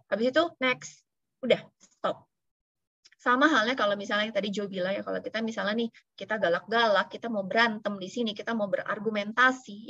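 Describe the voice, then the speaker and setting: An insurance agent gives a casual motivational talk over a video call, chatty, slipping in English phrases and laughing now and then. Her voice is a little high and fairly bright, with no echo and dull audio.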